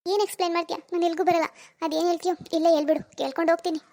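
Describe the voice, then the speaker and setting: A woman's voice: very high-pitched, level tone, rapid-fire, mellow. A woman voicing a heartbroken young wife in a cartoon, tearful and resigned. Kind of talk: animated cartoon dialogue.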